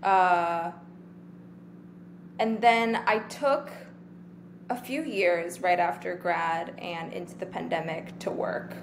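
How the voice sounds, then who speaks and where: A woman in her twenties from Taiwan, a guest actor, chats casually in an interview, relaxed and rambling with plenty of fillers. Her voice is fairly low, she speaks slowly with long pauses, and a little hiss or hum can be heard.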